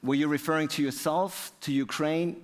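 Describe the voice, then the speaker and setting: A man hosts an interview on stage at a university event. He asks fluent, measured questions, with the occasional filler between thoughts. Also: fairly high pitch, fairly even intonation. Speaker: interviewer, TV presenter.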